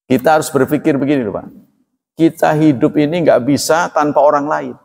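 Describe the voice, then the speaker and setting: This religious lecture comes from a man with a gravelly, fairly high voice who speaks briskly to his congregation. He stays plain and even, calls himself flat-spoken, and regularly asks listeners to agree. Long reverb fills the hall.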